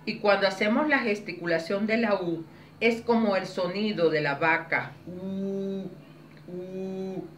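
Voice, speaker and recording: A woman leading a public speaking workshop, explaining exercises clearly and demonstrating intonation with lively expression. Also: medium pitch, normal speed, a little hiss or hum. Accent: Spanish. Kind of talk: teaching a workshop. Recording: echoey room, voice from a distance.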